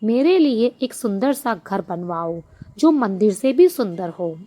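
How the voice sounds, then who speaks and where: Woman doing a proud goddess, calm and bossy, slow. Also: mid-range voice. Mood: commanding. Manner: calm, commanding.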